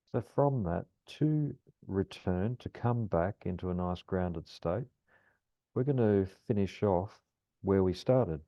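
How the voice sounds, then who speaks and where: A man guiding a calm grounding meditation, speaking gently and soothingly as a teacher. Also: deep voice. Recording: roomy, slightly dull lo-fi sound.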